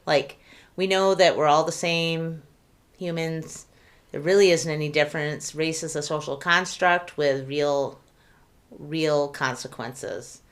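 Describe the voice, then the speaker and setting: Earnest woman with a deep voice. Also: steady tone, takes it slowly. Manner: earnest, emphatic. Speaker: podcast co-host. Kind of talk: casual podcast discussion.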